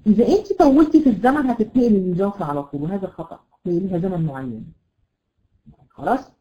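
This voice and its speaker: A woman with an Egyptian accent teaching a tajweed lesson, slowly drawing out example words with many fillers. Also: medium pitch, expressive, muffled recording. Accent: Egyptian Arabic. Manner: patient, drawn-out example words, frequent fillers. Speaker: Quran recitation teacher.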